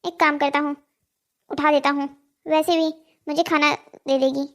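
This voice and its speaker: A woman's voice: sits high, level tone, unhurried. A woman voicing a sneaky middle-aged husband in a Hindi cartoon story, talking in a coaxing, defensive way. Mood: weary.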